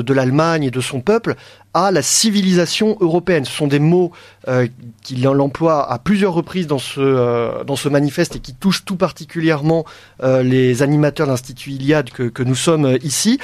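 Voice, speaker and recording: A man's voice: fairly high pitch, moderate pace, darkish tone, no room sound. A man hosting a radio discussion, talking with many fillers and restarts. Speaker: radio show host. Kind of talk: radio talk-show discussion. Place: radio studio.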